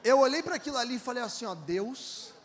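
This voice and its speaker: A Brazilian man preaches with a high, ringing voice. He tells his stories in an animated way, doing the voices of their characters. He keeps calling on the congregation to repeat his words. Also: racing. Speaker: pastor. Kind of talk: energetic sermon with storytelling.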